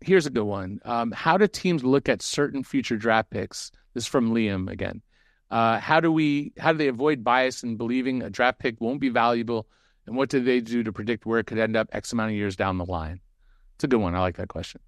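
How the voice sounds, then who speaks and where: A man's voice: mid-range voice, fairly quick, no echo, clean studio sound. A man co-hosting a webinar, reading out audience questions and chatting loosely, with lots of fillers and restarts. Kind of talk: casual webinar chat.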